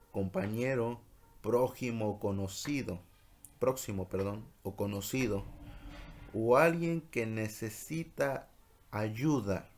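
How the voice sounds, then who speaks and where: Male pastor, mid-range voice, slow and deliberate scripture teaching. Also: medium pitch. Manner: slow, measured reading of scripture with explanation. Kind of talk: sermon-style Bible study.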